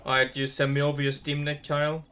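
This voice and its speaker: A man's voice: on the high side, monotone, quick pace, sharp tone, slight background noise. A man giving casual let's play commentary, chatty and muttering to himself as he plays. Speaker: streamer. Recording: game music behind.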